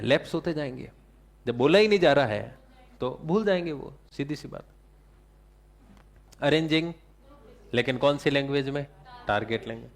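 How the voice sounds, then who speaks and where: A male teacher delivers a classroom lecture, posing questions to the class and answering them himself while mixing English terms into his speech. His voice is medium-pitched.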